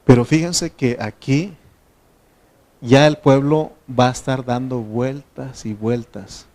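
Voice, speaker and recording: A man's voice: mid-range voice, fairly even intonation, slow pace, darkish tone. A man from Mexico, a pastor, leading a Bible study and prayer for his church, often asking the congregation questions. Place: church meeting room.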